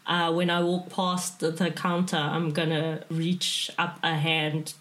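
A woman's voice: sits low, little pitch movement, unhurried, a bit bright. A woman playing a tabletop game, casually describing her character and what it does.

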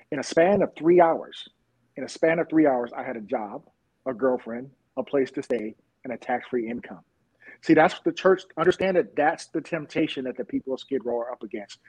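A police officer guest telling stories in a lively way in an interview. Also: male voice, medium pitch, husky, rough recording. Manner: lively, laughs at his own stories. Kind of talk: animated storytelling in an interview.

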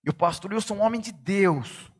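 A middle-aged man preaching a sermon as a pastor, emphatic and rising to shouts at his peaks. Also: sits high, moderate pace, slightly rough.

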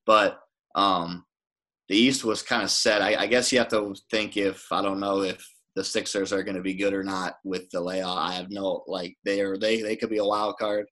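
A man's voice: low-pitched, flat delivery, normal speed, pushed and bright. A man co-hosting a casual sports podcast, rambling with restarts and swearing. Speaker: podcast co-host.

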